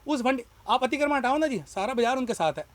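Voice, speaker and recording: A man's voice: very high voice, animated, quick pace, no room sound. A man who runs a shop, speaking in an impassioned, argumentative way in a street interview. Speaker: shopkeeper and party worker.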